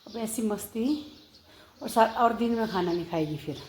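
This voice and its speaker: A woman with a medium-pitched, slightly mellow voice narrates at a moderate pace as she films her pet dogs outside her home and garden. She chats away casually and coos at them sing-song, with slight background noise.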